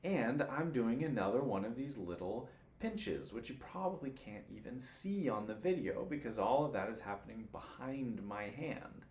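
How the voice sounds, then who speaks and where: A man's voice: medium pitch, expressive, normal speed, few pauses, darkish tone. A man teaching cello in a patient, encouraging way, counting beats aloud as he demonstrates. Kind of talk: instructional demonstration. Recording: roomy room with faint noise.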